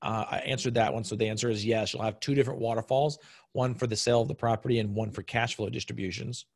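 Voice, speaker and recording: A man's voice: fairly low pitch, steady tone, fast, creaky, no echo, clean studio sound. A man in his thirties hosting a live webinar, answering audience questions in a conversational, explanatory way with many fillers and restarts.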